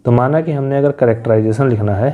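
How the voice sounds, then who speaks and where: A man's voice: mid-range voice, fast talker, phone-quality sound. A man teaching an English lesson, explaining step by step and answering his own questions. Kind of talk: classroom lesson explaining syllable patterns.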